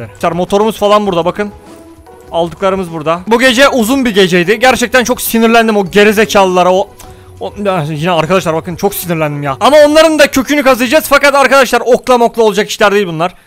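A man giving casual let's-play commentary, excitable, talking to his viewers and cursing at the game. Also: high-pitched. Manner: excitable, talks to viewers, mutters and curses at the game. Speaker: gaming YouTuber.

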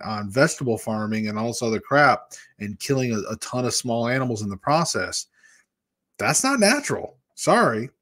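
A weight-loss vlogger in his fifties, originally from Michigan, hosts a candid, easygoing livestream chat from a small room at home, speaking close to a large desk microphone set before his webcam. His voice is mid-pitched and relaxed, and he gestures with his hands while wandering between stories.

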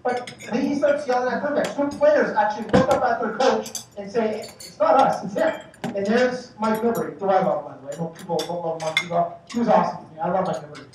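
Male emcee, 40s, mid-pitched, animated joke-teller; distant mic in a very echoey banquet hall, faint dish clatter. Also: fast, background noise. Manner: animated, joking anecdotes with acted-out shouting. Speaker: master of ceremonies. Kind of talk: after-dinner storytelling speech.

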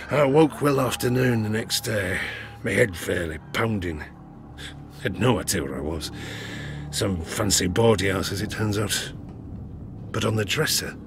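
In an audio drama, an actor with a British accent plays an older, rueful, ruined harpooner and gambler who spins a rambling, folksy tavern yarn. His lowish male voice is gravelly and rustic. It's a studio drama recording with music playing behind him.

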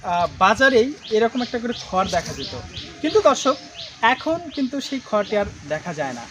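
A man hosting a casual explainer video for viewers, talking haltingly with many drawn-out fillers. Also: high voice, very animated, background noise. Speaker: video host addressing viewers.

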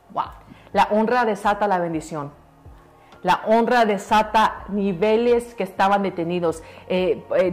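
A woman's voice: medium pitch, darkish tone. Earnest woman giving church testimony. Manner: earnest, preachy, repeats phrases for emphasis; mixes in English words. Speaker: interview guest, pastor's daughter. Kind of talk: emotional testimony in a church interview.

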